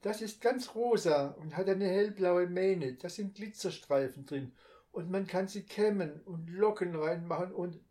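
A chattering little girl from a storybook, her voice pushed up high and bright, as a man reads her lines. She babbles on eagerly and turns small and fearful when something scares her. The delivery is slow and careful.

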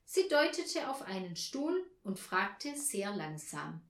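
A woman reading a children's story aloud as narrator, with slow, lively storytelling intonation. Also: medium pitch. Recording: roomy echo.

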